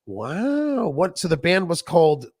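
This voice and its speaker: A man's voice: a little high, wildly swooping pitch, measured pace, darkish tone, dry recording, clean studio sound. A man co-hosting a casual podcast, joking around and reading old magazine letters aloud in mock voices. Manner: jokey, reads letters in mock voices, laughs often. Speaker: podcast co-host.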